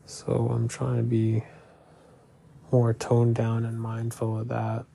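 A man's voice: medium pitch, completely flat delivery, takes it slowly, gravelly, dark tone. A young man talking hesitantly in a personal confessional monologue, full of fillers and restarts.

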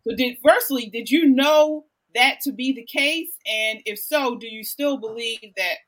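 Fairly high-voiced woman moderating a panel. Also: measured pace. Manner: direct, presses with repeated questions. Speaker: host, debate moderator.

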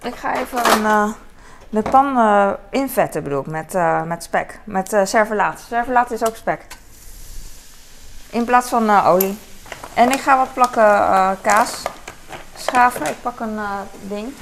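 A woman's voice: mid-range voice, a little slow, vocal fry, noisy background. A young woman chatting casually while cooking at home, rambling and laughing at herself, with many fillers and English phrases thrown in. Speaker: vlogger. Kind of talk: casual cooking vlog chat. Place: home kitchen.

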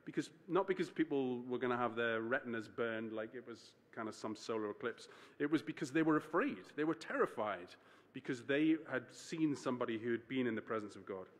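Male preacher, mid-pitched, casual and self-correcting, heard in a reverberant church. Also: animated, fairly quick. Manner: conversational, self-correcting, explains scripture plainly. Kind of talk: sermon.

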